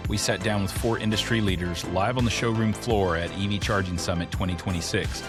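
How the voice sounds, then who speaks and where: A man's voice: deep voice, steady tone, brisk, over music. A man with a Texas accent hosting a podcast live from a convention showroom floor, friendly and conversational. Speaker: podcast host.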